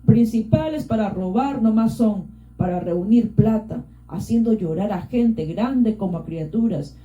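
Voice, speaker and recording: A woman's voice: medium pitch, animated, a little slow, warm tone, close to an everyday voice. A woman voicing a defiant male Andean villager, a horn player rousing the others in broken rural speech. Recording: roomy, dull lo-fi.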